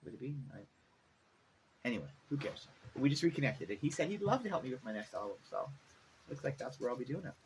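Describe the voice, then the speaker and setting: Middle-aged male vlogger, average pitch, casual and rambling, some ambient noise behind him. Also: sing-song, fast talker, poor audio. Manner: rambling, thinking aloud. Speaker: vlogger, musician. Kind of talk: casual chatty vlog. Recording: noticeable background noise, ambience.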